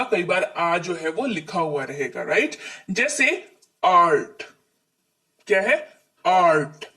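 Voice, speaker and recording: Male teacher, high voice, recorded a bit off-mic, drills words with rhetorical questions. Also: a bit bright, distant mic. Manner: repeats and quizzes viewers with rhetorical questions. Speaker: English teacher. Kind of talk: online spelling lesson.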